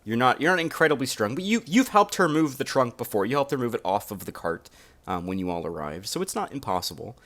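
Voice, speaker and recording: A man running a tabletop game as game master, narrating in a relaxed, halting way with fillers, on a home mic over a voice call. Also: medium pitch.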